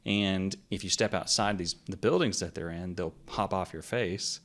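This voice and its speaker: A man's voice: low voice, normal speed, fairly bright tone. A man co-hosting a gaming podcast, explaining a game in casual chat, rambling with lots of "like" and "um" and the odd laugh. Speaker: podcast co-host.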